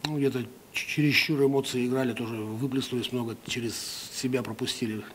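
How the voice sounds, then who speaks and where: A man's voice: mid-range voice, steady tone, quick pace, background noise. A man in his fifties, a hockey coach speaking in clipped phrases at a press conference table microphone. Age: 50s.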